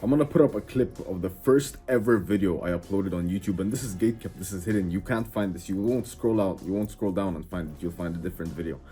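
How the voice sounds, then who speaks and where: Speaking quickly with few pauses, this Egyptian man, a native Arabic speaker, addresses the camera in a brash, emphatic, casual style, frequently dropping "bro." His voice sits low with a dark tone, and faint music plays behind him as he delivers his self-improvement content.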